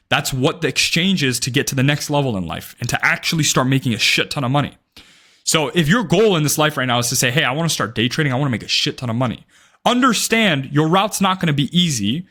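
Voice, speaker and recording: A man's voice: medium pitch, a bit bright. A man of about twenty giving blunt, emphatic advice straight to camera, swearing freely and often ending points with "right?". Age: young adult. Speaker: day trading vlogger. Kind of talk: direct-to-camera advice talk.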